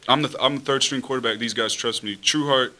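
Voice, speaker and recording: A young man, a college quarterback, answering at a post-game press conference in a relaxed, easy way at a table mic. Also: medium pitch, fast. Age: young adult. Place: press room in front of a team backdrop. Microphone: table mic on a stand.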